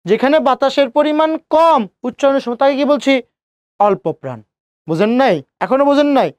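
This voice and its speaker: A man's voice: extremely high pitch, expressive, clean tone, no room sound. Male tutor, drills points with self-answered questions, dry booth sound. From Bangladesh. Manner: asks students rhetorical questions and answers them himself; repeats key points slowly. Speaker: teacher. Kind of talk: online exam-prep lecture.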